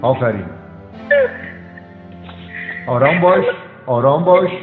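Man, counselor, calm, directive, repeats commands, mid-pitched, tinny phone-like sound, long echo. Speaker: counselor addressed as doctor. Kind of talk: counseling session with a storytelling aside. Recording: tinny phone-like sound, echoey hall, faint music.

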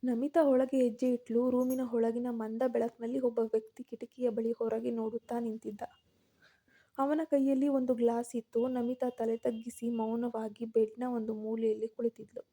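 A woman narrating a scripted story with steady, measured reading. Her voice is fairly high yet very dark and mellow in tone, and it stays flat and even throughout.

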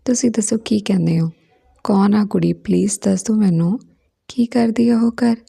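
Anxious young wife, soft half-whispered lines, dark mellow voice, husky, woman reading. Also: medium pitch, normal speed.

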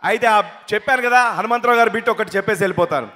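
A man's voice: high voice, rapid-fire, sharp tone. A male mimicry comedian doing live stage comedy, chatty and storytelling, hyping a crowd. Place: large event hall. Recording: long hall reverb.

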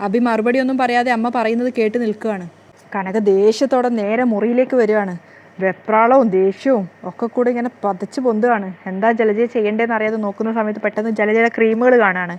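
A woman's voice: fairly high pitch, a little mellow. A woman narrating a TV serial recap in a chatty storytelling way, sometimes correcting herself.

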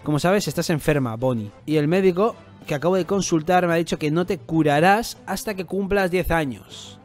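A man voicing a gentle, sad giant of a father, reading the lines quietly. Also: a little high, normal speed, faint music behind, natural voice.

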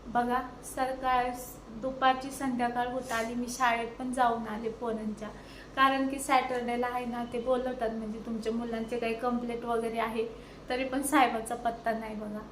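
A woman's voice: fairly high pitch, flat delivery, moderate pace, roomy sound. A woman in her thirties chatting to her viewers in a casual vlog, filmed on a phone she holds herself, first at her home terrace and then in a furniture shop. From India. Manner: chatty, addresses viewers directly, haggles loudly. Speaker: vlogger. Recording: noisy phone recording with traffic.

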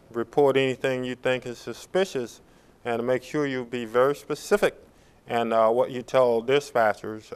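A middle-aged man speaking as a police chief in a public service announcement, with a measured, halting delivery and frequent pauses. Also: mid-range voice, clean tone. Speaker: police chief hosting a public information talk. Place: small indoor studio.

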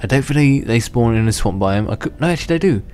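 A young man who hosts a gaming channel talks fast and expressively at medium pitch, his tone a little mellow. His casual, wandering commentary during play is full of restarted sentences and quiet chuckles, and his voice is slightly worn from illness. Music plays faintly behind.

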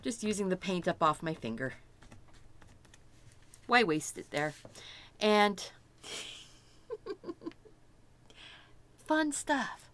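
A woman's voice: mid-range voice, very animated, very slow, long pauses, a bit bright. A middle-aged woman teaching a step-by-step painting lesson, chatty and thinking aloud as she works, delighted by her own results. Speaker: art instructor.

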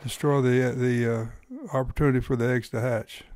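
A man's voice: medium pitch, flat delivery, a little fast, a little mellow, dry recording, clean studio sound. A man hosting and narrating his own fishing video in an easygoing, folksy explaining manner. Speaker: fly-fishing guide and host.

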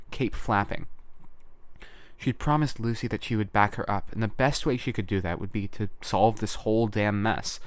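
A man narrating an audiobook chapter in a measured, even storytelling manner. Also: on the low side, smooth, dry recording. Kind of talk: scripted narration.

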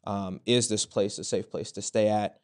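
A young man with a fairly low voice speaks in a measured, reflective way, pausing often and searching for words. He is a student guest recounting an experience in an interview, recorded in a bright office room on a clip-on mic. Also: level tone, clear, resonant tone. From Virginia. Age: 20s. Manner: measured, with frequent pauses and fillers. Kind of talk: thoughtful interview answers.

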